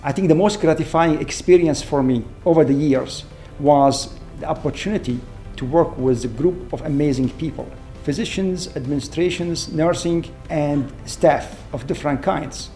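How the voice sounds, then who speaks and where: A man, a surgeon speaking in an earnest, measured way in an interview. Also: fairly high pitch. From Syria. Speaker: award-winning trauma surgeon. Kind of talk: reflective interview. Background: soft background music.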